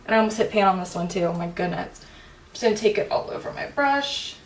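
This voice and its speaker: A woman's voice: mid-range voice, quick pace, recorded from a distance, noisy background. A young woman chatting casually through a makeup tutorial at home, full of "like" and "um" fillers. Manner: chatty, filler-heavy, says "like" often. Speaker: beauty vlogger.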